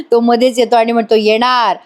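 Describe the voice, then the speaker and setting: A woman's voice: fairly high pitch, darkish tone. A woman hosting a casual voice-over recap, chatty and storytelling, talking straight to her viewers. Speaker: serial review host.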